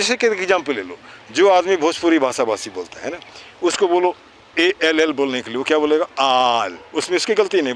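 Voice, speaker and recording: Man, Indian English accent, teacher quizzing kids, animated pitch, faint street noise outdoors. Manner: asks questions and answers them himself; tags phrases with "है ना". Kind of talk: outdoor English pronunciation lesson with children.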